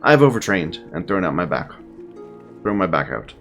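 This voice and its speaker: A man's voice: sits low, big pitch swings, normal speed, fairly bright tone, faint music behind, full character voice. A man reading as an aching old master. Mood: grumbling. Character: old male martial arts master, hurt back.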